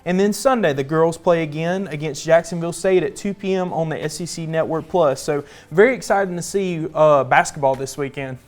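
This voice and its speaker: A man's voice: fairly high pitch, a little fast, hardly any pauses. A young man, anchoring sports on a student newscast in an upbeat, chatty way. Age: young adult. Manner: chatty, upbeat, casual fillers.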